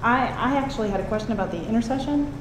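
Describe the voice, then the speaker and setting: Thin, squeaky-voiced woman in an echoey room. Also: expressive, very fast. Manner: nervous, informal, earnest. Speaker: elementary school art teacher. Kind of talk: public comment at a meeting. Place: indoor public meeting room. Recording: echoey room with clear background noise.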